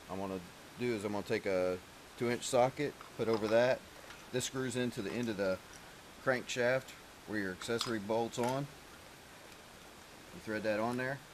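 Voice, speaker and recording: A middle-aged home mechanic with a voice on the low side gives casual, practical how-to tips in short pieces while rebuilding an engine with his hands. A camera mic a step or two away records him in a large metal-walled indoor garage, the audio noisy with clicking tool sounds.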